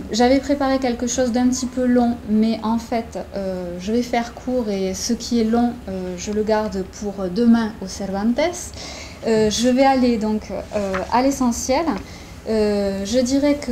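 A woman's voice: a little high, steady tone, a little slow, warm tone, a little hiss or hum. A woman presenting a guest writer to students at a university conference, hesitant and full of fillers. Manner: hesitant, many fillers and restarts. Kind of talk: conference introduction of a guest speaker. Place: lecture room with students.

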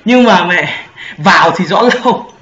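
A man's voice: high-pitched, a little slow. Young man, casual gaming chat, joking, dull lo-fi voice chat. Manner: joking, excitable, swears casually. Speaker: gaming channel host. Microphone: voice chat mic.

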